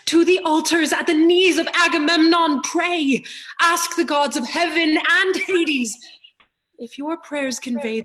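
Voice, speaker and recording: A woman's voice: fairly high pitch, fairly bright tone. An actress voicing a woman of the chorus, speaking verse with urgent rhythm. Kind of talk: stage play reading.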